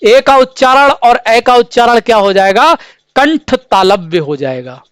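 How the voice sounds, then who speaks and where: A man with a strikingly high, smooth, resonant voice teaches an exam-prep grammar class. He asks a question, then answers it himself, drilling the same terms again and again. The sound is dry and close to the mic. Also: expressive, measured pace, a bit bright, no echo. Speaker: Hindi teacher.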